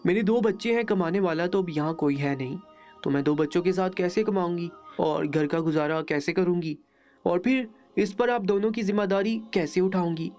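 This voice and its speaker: A woman voicing a tired, bitter young wife in a storybook narration, read in a steady, plain way. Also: on the low side, soft background music, close to an everyday voice.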